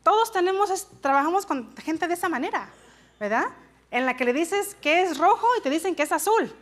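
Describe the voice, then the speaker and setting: A woman's voice: extremely high pitch, expressive, brisk. A middle-aged woman leading a live workshop for supervisors, talking in an engaging way to a room of people, often asking them questions and dropping in short English phrases. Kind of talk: live workshop talk to an audience.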